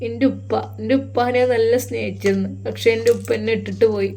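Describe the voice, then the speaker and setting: A woman voicing a heartbroken young wife who speaks quietly and tearfully, with a Malappuram Malayalam accent. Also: on the high side, steady tone, fast talker, a little hiss or hum, natural voice. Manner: quiet, sobbing, hushed.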